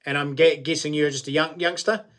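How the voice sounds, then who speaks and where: A man's voice: on the high side, steady tone, brisk, fairly bright tone. A man in his late forties with a broad New Zealand accent, chatting casually as he hosts a livestream, in a blokey, slangy, laid-back way. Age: late 40s. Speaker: live stream host. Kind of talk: casual livestream chat, reading and answering comments.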